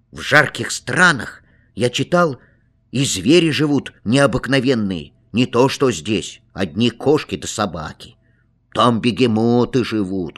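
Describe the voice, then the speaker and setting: A man's voice: on the low side, fairly bright tone. A man reading a children's story aloud in the first person, with a wistful, dreamy delivery. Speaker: reader.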